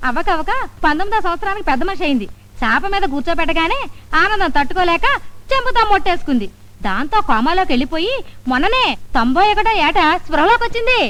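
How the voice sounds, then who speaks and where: An actress playing a chatty relative who rattles off explanations. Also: female voice, extremely high pitch, heavily acted. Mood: explaining. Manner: rapid, animated storytelling.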